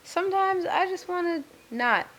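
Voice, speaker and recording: A woman's voice: very high-pitched, animated, moderate pace, a bit bright. A woman co-hosting a podcast in casual chat, bubbly and talkative, laughing often. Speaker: podcast co-host.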